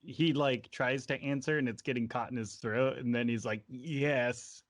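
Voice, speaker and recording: A man's voice: medium pitch, fairly even intonation, normal speed. A man narrating as game master of a tabletop game in a loose, conversational way.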